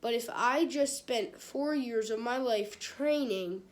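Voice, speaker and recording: A woman reading a children's book aloud, stopping and restarting phrases and turning aside to chat with her live audience. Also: fairly high pitch. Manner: halting, with many restarts and repeated phrases. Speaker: read-aloud host.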